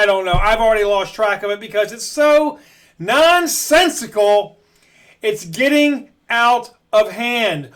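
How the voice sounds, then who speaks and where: A man's voice: very high-pitched, a bit bright. A man from Maryland delivering a blunt, profane political rant to camera as a vlogger. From Maryland, USA.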